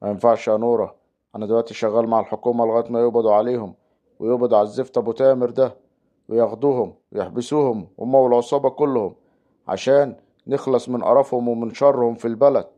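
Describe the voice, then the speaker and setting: A steady family man, voiced by a man, speaks firmly and very quickly with an Egyptian accent. The recording sounds dull. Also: mid-range voice, close to an everyday voice. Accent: Egyptian Arabic. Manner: firm, reassuring.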